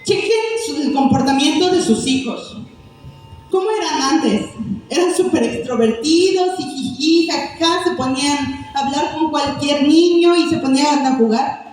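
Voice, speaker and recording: A woman's voice: sits high, moderate pace, darkish tone. A woman preaching a sermon, telling stories and acting out little voices as she questions the congregation. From Mexico. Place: church hall. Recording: echoey hall mic from a distance.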